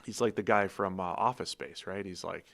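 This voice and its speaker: A man co-hosting a casual football podcast, trading quick banter and introducing the games. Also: sits low, creaky, fairly bright tone. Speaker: podcast co-host, football analyst. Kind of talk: casual sports podcast chat.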